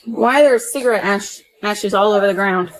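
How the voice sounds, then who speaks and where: A woman's voice: mid-range voice, moderate pace, background noise. A woman police officer questioning someone bluntly and insistently, repeating her questions and orders. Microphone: police body camera.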